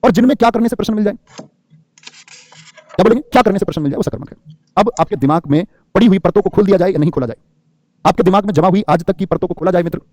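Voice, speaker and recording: A man's voice: sits high, very fast, pauses often, a little mellow, no echo. A man teaching grammar in a classroom lecture, firing rhetorical questions and playing the students' answers himself, often calling his listeners friend.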